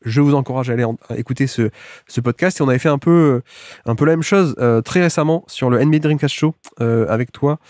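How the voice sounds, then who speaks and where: A man hosting a casual podcast, sounding congested and a little gravelly from a cold. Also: mid-range voice, fast, darkish tone, no room sound, clean studio sound. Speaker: podcast host.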